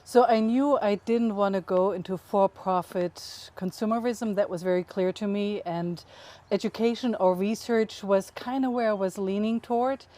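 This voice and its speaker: A woman's voice: medium pitch, moderate pace, dark tone. Middle-aged woman with a German accent. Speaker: guest, nonprofit CEO. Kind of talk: interview answers.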